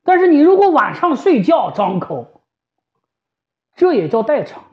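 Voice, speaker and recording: Animated woman explainer, slightly dull recording. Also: high voice, unhurried. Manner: conversational, repeats phrases for emphasis. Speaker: home ventilator specialist and shop staff. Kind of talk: informal explainer to camera.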